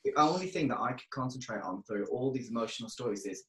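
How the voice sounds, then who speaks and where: A man's voice: mid-range voice, lively intonation, fast talker. A man chatting casually as a podcast guest. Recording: echoey room.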